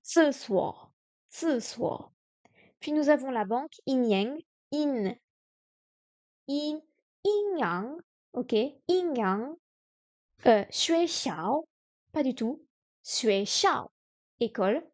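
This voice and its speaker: High-pitched woman on a study stream, unhurried, keeps trying the words again and fixing them. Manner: sounds out words slowly, corrects herself aloud. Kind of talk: live-stream study session.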